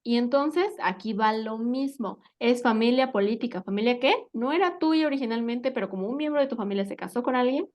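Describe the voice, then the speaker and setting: A woman's voice: fairly high pitch, darkish tone. Patient woman teaching English. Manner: patient, quizzing with frequent tag questions. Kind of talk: live English vocabulary lesson.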